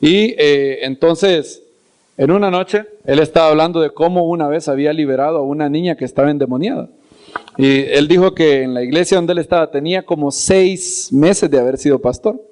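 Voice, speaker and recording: A man's voice: fairly high pitch, moderate pace, clear, resonant tone. A man preaching in a storytelling way, acting out the scenes he tells and repeating words for emphasis. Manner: animated, acts out scenes and voices. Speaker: preacher and Bible teacher. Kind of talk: storytelling sermon.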